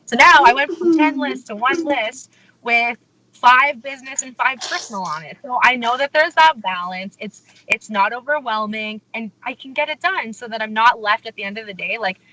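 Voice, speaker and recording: A woman with a bright, somewhat high voice speaks frankly and upbeat on a live chat show. She swears in a casual, offhand way. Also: moderate pace, poor audio.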